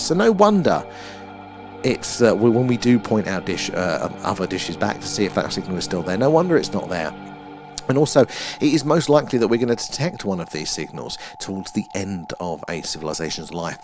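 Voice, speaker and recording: A man with an Essex accent hosting a live stream, explaining and chatting to viewers in a rambling, conversational way. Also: lowish voice.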